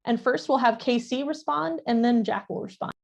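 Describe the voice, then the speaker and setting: A woman's voice: on the high side, normal speed, vocal fry. A woman facilitating an online training session and moderating a student panel, friendly and informal. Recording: dull, muffled online call audio.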